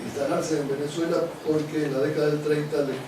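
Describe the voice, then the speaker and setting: An older man with an Argentine Spanish accent giving a university lecture, partly read aloud, with halting fillers and restarts. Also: fairly high pitch, flat delivery. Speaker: guest lecturer. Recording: echoey hall, speaker far from mic, background noise.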